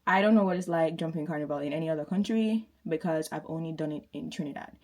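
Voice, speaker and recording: A woman's voice: sits low, fast talker, a little mellow. A Jamaican woman in her twenties, vlogging in a chatty, rambling way with lots of fillers and restarts. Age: 20s. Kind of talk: casual chat to camera.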